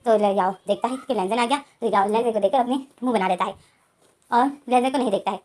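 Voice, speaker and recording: A woman storyteller retelling a fan fiction in rapid, run-on narration that keeps circling back on itself. Her voice sits a bit high and races along. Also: a little mellow.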